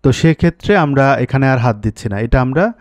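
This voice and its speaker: A man's voice: medium pitch, expressive, brisk, darkish tone, dry recording. A man teaching a coding tutorial over a screen recording, thinking aloud, mixing in English technical terms and fixing errors as he goes. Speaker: coding instructor.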